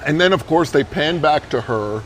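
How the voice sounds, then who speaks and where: A man's voice: on the high side, lively intonation, moderate pace, slight background noise. A man venting bluntly about a movie in a casual chat outdoors, swearing and complaining freely. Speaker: movie reviewer.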